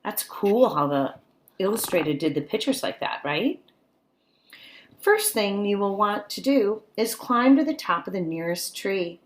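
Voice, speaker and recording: Reading a picture book to kids, this woman teacher uses a medium-pitched, expressive voice with a coaxing quality. Every so often she pauses to pose questions to the little ones listening.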